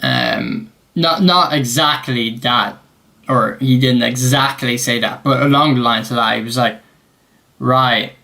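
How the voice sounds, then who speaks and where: A young man in his late teens tells a casual storytime, circling back through fillers and quick self-corrections. His mid-pitched voice has a gravelly, creaky edge. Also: very animated, pushed and bright. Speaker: vlogger.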